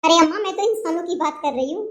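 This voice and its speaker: A woman's voice: extremely high pitch, fast. A woman voicing a touchy young unmarried daughter in a cartoon, defensive and easily exasperated. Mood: explaining. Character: touchy young unmarried daughter who loves sad songs. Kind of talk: Hindi cartoon voice acting.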